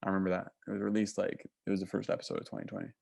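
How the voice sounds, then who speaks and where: Fast-talking low-voiced young man. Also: vocal fry. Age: 20s. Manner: animated storyteller, swears freely. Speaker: podcast guest. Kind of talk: casual chat.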